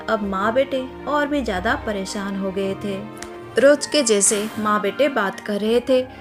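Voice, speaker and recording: A woman narrating a cartoon story in a plain, steady storytelling manner. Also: medium pitch.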